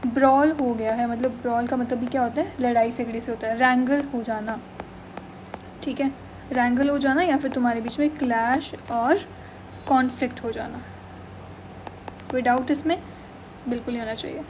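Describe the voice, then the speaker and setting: A young woman teaches English vocabulary in an online exam-prep class, mixing Hindi and English and checking in often with "okay," "thik hai," and "done." Her voice is fairly high with fairly even intonation, a normal speed, and frequent pauses. The poor audio carries a little hiss or hum.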